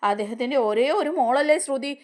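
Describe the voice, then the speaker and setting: Brief: evasive, insistent scheming uncle, read by a woman in her own high voice. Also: fast, a little mellow, natural voice. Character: scheming middle-aged male uncle, evasive.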